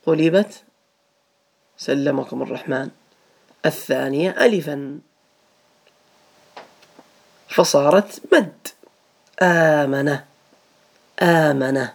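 Gravelly-voiced guy teaching grammar, goes slow and repeats stuff for the students. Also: on the high side. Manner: patient, repeats each rule slowly, addresses students directly. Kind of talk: Arabic grammar lesson.

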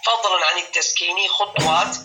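A man teaching a grammar lesson to students, patiently repeating words slowly and stopping to check whether they understand. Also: high voice, noisy background. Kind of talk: explanatory classroom lesson.

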